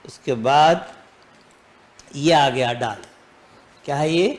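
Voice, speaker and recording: A man hosting a lesson, patiently drilling the letters of the alphabet by saying them slowly and having them repeated back. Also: mid-range voice. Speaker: Urdu teacher and show host.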